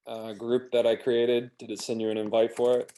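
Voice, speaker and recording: A man's voice: mid-range voice, level tone, normal speed, warm tone. A man from the East Coast of the United States organizing a casual video-call meeting in an easygoing way.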